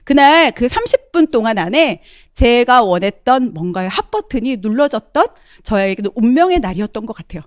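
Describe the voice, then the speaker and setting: A woman's voice: a little high, no echo, clean studio sound. A middle-aged woman giving a testimonial talk, often turning to address her audience as she tells her story.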